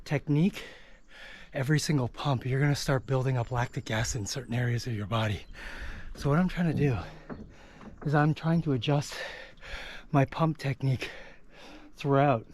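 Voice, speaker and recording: A man's voice: medium pitch, moderate pace, a little mellow, a little hiss or hum. A man vlogging outdoors on a lake, out of breath and casually explaining his technique between tries. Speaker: foiling vlogger.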